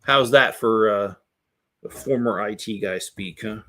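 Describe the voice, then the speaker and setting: A middle-aged man hosts a casual Lego building livestream, chatting with live viewers in a rambling, self-deprecating, joking way. His voice is lowish and a bit bright, he speaks a little slowly, and slight background noise is audible.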